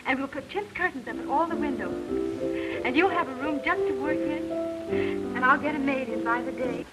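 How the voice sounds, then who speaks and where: A woman's voice: high-pitched, moderate pace, over loud music, close to an everyday voice. An actress playing a cheerful, devoted young showgirl wife who reassures her husband, in an early talkie film. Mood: reassuring. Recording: scratchy 1920s film soundtrack.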